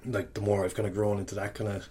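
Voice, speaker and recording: A man's voice: on the low side, flat delivery, fast, dark tone, a little hiss or hum. A thirty-year-old man with a strong Kerry accent from the west of Ireland, chatting candidly and ramblingly as a coach on a podcast. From County Kerry, Ireland. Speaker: podcast guest, sports coach. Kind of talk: casual podcast conversation.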